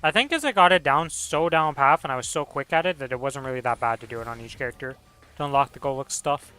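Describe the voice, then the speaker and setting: A man's voice: medium pitch, fast, bright, forceful tone, clean tone, faint music behind, poor audio. A man in casual, rambling, slangy conversation while gaming as a streamer. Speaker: game streamer.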